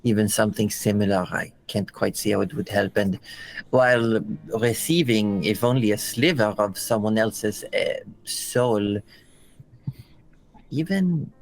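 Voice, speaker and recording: Male game master, low and slow, measured in-character delivery. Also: low-quality recording. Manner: measured, deliberate. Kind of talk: narrating a tabletop game and voicing characters.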